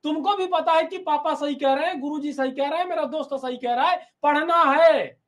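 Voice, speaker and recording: High-voiced male teacher telling a story. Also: a little fast. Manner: animated storytelling, repeats phrases. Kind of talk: storytelling to students in a lesson.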